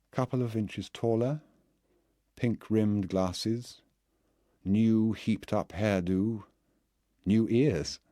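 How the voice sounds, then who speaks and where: Low-voiced guy narrating an audiobook, dry close sound, slow careful reading. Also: warm tone, no room sound. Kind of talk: scripted literary narration.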